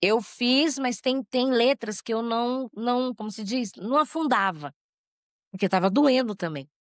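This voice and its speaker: A woman giving an emotional personal testimony as an interview guest, halting and tearful, with restarts and quoted voices. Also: on the high side, dry recording, studio quality. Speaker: interview guest telling her life story.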